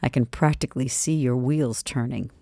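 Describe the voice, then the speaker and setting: A woman narrator plays an easygoing fiancé in a cozy mystery audiobook. He is doting and playfully teasing, with a low, mellow voice and a dry, close sound. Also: steady tone, normal speed, creaky, no echo, full character voice. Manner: light-hearted teasing.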